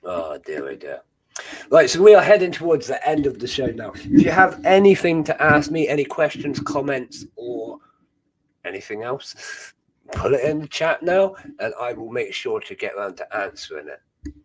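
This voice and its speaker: Suffering from a chest infection, this young host with a British accent chats on his livestream in a loose, rambling way, laughing frequently. His mid-range voice swings widely in pitch at a moderate pace, sounding husky over a rough recording.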